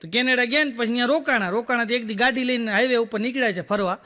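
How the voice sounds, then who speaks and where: Male stand-up comic, high voice, long hall reverb, rapid jokes with acted-out dialogue. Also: pushed and bright. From Gujarat, India. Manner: rapid joke telling, acting out quoted dialogue, frequent rhetorical "બોલો". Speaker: stand-up comedian. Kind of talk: Gujarati joke telling on stage.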